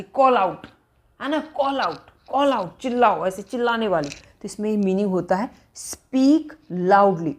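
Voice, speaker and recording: Female English tutor explaining phrasal verbs at an unhurried pace, repeating every phrase. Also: fairly high pitch, a little mellow. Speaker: English teacher.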